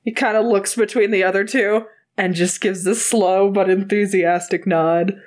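A woman's voice: mid-range voice, steady tone, normal speed, darkish tone. A woman player casually narrating her character's actions in a tabletop game.

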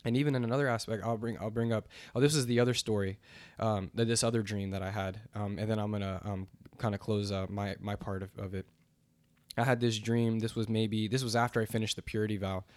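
A man's voice: on the low side, steady tone, fast, dry recording. A young man sharing a faith testimony in casual chat, earnest and rambling, with many fillers and restarts.

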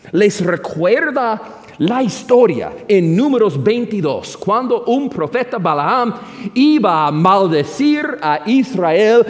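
A man preaching a sermon as a pastor, with emphatic rises and slow, drawn-out phrases. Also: high voice. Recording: long hall reverb.

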